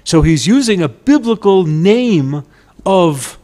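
Man, high voice, Torah teacher, lecture, slow careful verse reading, emphatic explanations. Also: very animated, mellow. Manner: reads Hebrew verses slowly and deliberately, then explains them; grows emphatic and rises in pitch when stressing a point. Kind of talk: lecture on a liturgical poem. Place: lecture hall at a community center.

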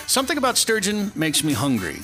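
A man's voice: high-pitched, huge pitch swings, fast, pushed and bright, soft background music. A man hosting a radio show and running a quiz in a casual, upbeat way, laughing and slipping into a game show voice. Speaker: radio show host and quizmaster.

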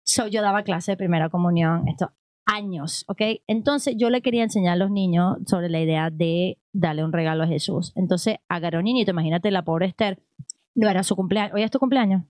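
A woman's voice: fairly low pitch, fairly quick, no room sound, studio quality. Chatty woman musing on faith. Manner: animated, rambling, frequent "o sea" and "¿ok?". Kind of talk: casual religious conversation.

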